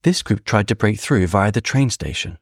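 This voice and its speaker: A man reading scripted history narration in a measured, steady way. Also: lowish voice, creaky, breathy edge, no echo, clean studio sound. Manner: measured, reads quoted memoirs with rising intensity. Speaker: documentary narrator.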